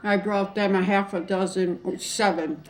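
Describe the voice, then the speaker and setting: A middle-aged woman chatting casually to viewers on an eating show, chewing while talking, in a halting way with pauses. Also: medium pitch, fairly even intonation, low-quality recording. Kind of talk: casual mukbang chat to viewers.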